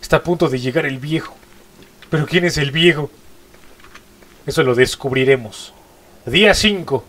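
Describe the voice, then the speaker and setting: A man's voice: fairly high pitch, moderate pace, pauses often, fairly bright tone. A man with a Mexican accent, stuffy-nosed from a cold, giving jumpy horror gameplay commentary and repeating short exclamations. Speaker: gaming YouTuber.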